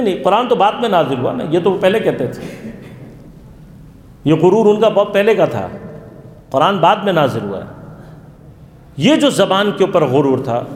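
A man teaching an interactive religious lesson to a class. He poses questions to his listeners and then answers them himself. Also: high voice. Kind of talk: interactive lecture. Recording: echoey hall with long reverb.

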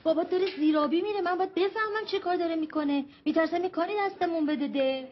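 A woman's voice: very high-pitched, lo-fi sound, slight background noise. An actress playing a suspicious, anxious wife and mother who coaxes her son, in a TV sitcom. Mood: scheming. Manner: coaxing and anxious. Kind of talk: TV sitcom acting.

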